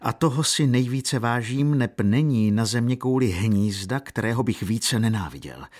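A man's voice: mid-range voice, lively intonation, a little mellow, voice pushed up, lightly acted. A man reading a proud young officer's lines in a heated, declamatory storybook voice.

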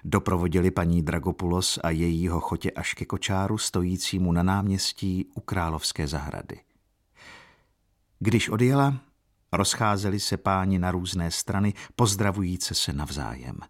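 A man narrating a literary audiobook in a steady, formal storytelling manner. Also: deep voice.

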